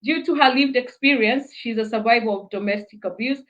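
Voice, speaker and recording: A woman's voice: a little high, a little fast, a bit bright, highs cut off. A woman hosting a live online interview, reading an introduction with many fillers and restarts. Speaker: host.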